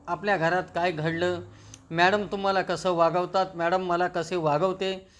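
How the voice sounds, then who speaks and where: A man reading the lines of an earnest young woman who calmly pleads her case to her father in a TV serial recap. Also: on the low side, moderate pace, natural voice. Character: young woman, earnest and reasoning daughter-in-law.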